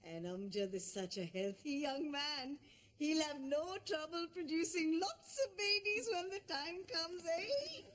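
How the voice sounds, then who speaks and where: A woman's voice: high-pitched, lively intonation, a little slow, a bit bright. An actress playing a bossy, emotional middle-aged Pakistani mother in a sitcom, with an over-the-top manner. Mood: tearfully gushing. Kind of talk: broad television sitcom acting. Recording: clearly noisy location ambience.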